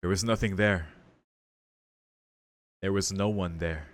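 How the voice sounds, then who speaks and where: A video game streamer plays through a visual novel, dramatically reading its text aloud and reacting in casual, slangy speech. His voice sits low with fairly even intonation and a slow pace, recorded with no room sound and game music behind it.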